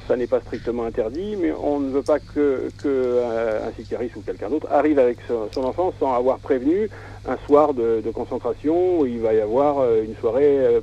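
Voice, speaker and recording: A man calling in to a radio interview as a campsite organizer, halting and repeating his words as he explains. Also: mid-range voice, lively intonation, mellow, muffled recording, a little hiss or hum. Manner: hesitant, repeats words often. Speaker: campsite organizer, phone guest.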